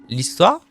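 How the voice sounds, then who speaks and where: A young man chatting casually as he streams a video game, joking about himself and slipping into silly voices now and then. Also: a bit bright. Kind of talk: casual live-stream commentary.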